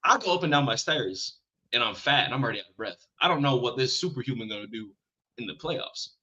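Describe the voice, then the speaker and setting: A man co-hosting a casual sports podcast, talking in an animated way, with restarts and self-deprecating asides. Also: mid-range voice, fast, slightly rough, highs cut off. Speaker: podcast co-host.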